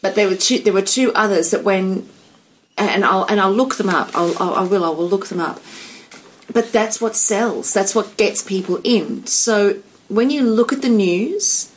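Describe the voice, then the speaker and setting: A woman's voice: mid-range voice, normal speed, a little hiss or hum, rough recording. Reflective woman explaining in casual chat. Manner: explanatory, reflective, repeats herself.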